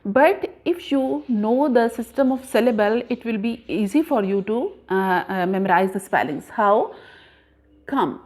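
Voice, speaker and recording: A woman teaching a grammar lesson patiently, spelling words out letter by letter with frequent pauses. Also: on the high side, lively intonation, a little mellow. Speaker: English teacher.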